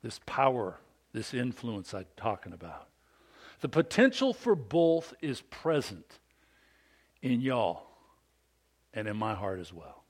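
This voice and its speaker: Delivering a sermon to fathers, a pastor in his fifties speaks with a big, animated style that calls for amens from the congregation. He takes it slowly, with long pauses, in a medium-pitched voice that has a breathy edge.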